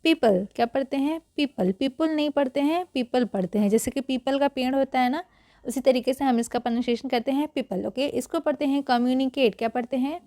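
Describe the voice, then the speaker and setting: A woman's voice: high voice, fairly quick, dark tone, dry recording. Patient woman teaching English reading. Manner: patient, repeats each word and quizzes the viewer. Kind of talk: Hindi-language English reading lesson.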